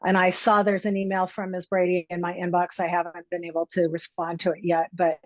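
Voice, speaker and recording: A woman speaking as an attorney in a courtroom recording, explaining her client's position to a judge with hesitant pauses. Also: fairly low pitch, level tone, no echo. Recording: dry, dull lo-fi courtroom audio.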